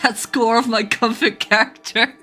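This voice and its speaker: An excitable, theatrical woman doing let's play commentary and reading game dialogue aloud. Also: a little high, moderate pace. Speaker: game streamer. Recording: game music behind. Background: video game music.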